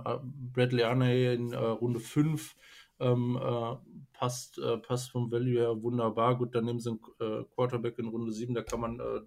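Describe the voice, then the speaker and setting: A man talking casually as a panelist on a sports podcast, relaxed, with many fillers. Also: mid-range voice.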